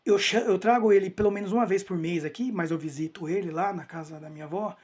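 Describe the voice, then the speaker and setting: A man's voice: high-pitched, fast talker, a little mellow, husky. A man gives an emotional personal testimony as a church member. He talks earnestly, repeats phrases for emphasis and often restarts his sentences.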